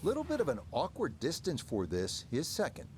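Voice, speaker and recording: A man giving golf commentary as the play-by-play announcer, speaking in short, measured observational phrases. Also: on the high side, huge pitch swings, slight background noise.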